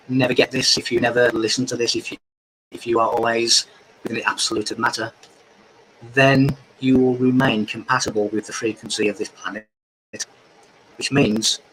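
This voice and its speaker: A man's voice: mid-range voice, a bit bright. Man, crackling distorted mic, video call, faint background hiss, earnest teaching tone. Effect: crackling, distorted microphone. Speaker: guest speaker. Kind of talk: spiritual talk on a video call. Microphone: video call microphone.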